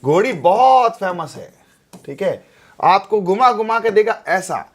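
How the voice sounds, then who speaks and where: A man's voice: sits high, expressive, measured pace, slight background noise. A young man, teaching an exam-prep class in a chatty way and often checking with his students. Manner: chatty, repeats tag questions like "theek hai". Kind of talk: live exam-prep lesson.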